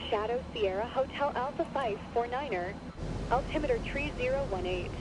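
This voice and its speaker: A woman voicing a procedural air traffic controller in a game, giving scripted clearances. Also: moderate pace, lightly acted. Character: procedural female tower controller. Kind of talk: scripted aviation radio phraseology. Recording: clear background noise, aircraft rumble.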